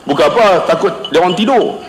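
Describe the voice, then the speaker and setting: A middle-aged man giving a humorous religious lecture, loud and animated, acting out the voices of people in his stories. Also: high-pitched, brisk. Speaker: preacher. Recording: echoey hall, long reverb.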